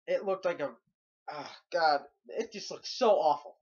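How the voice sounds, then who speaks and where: A young man ranting sarcastically through a movie review, swearing constantly and breaking into loud outbursts. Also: a little high, unhurried, highs cut off.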